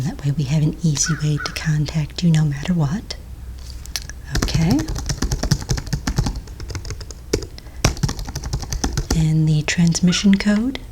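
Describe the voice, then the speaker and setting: Typing and clicks from a computer keyboard accompany this ASMR roleplay, recorded on a close mic with faint noise. Her voice sits low, breathy and half-whispered, as she plays a patient, polite female office manager registering fantasy pets. She asks gentle official questions, pausing with small hesitations.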